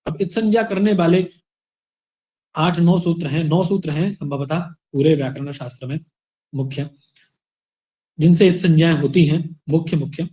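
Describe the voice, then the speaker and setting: Male online tutor, high voice, lecture style, asks and answers his own questions, muffled lo-fi recording. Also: normal speed, long pauses, dark tone. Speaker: Sanskrit grammar teacher. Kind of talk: online exam-prep lecture.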